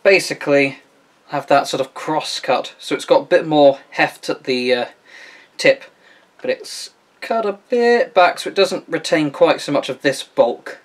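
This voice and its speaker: Chatty man, slightly high voice. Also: lively intonation, measured pace. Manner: chatty and self-deprecating, explains as he works. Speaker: woodworking video host. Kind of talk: casual how-to demonstration.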